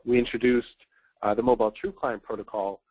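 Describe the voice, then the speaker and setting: A man presenting software features in a technical webinar, talking fluently with frequent fillers and repeated words. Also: medium pitch, little pitch movement, fairly quick, rough recording.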